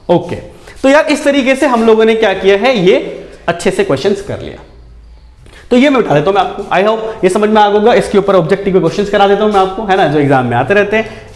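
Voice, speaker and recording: A man teaching a chemistry lesson, brisk and coaxing, often asking his students questions. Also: high-pitched, reverberant. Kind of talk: classroom lecture to students.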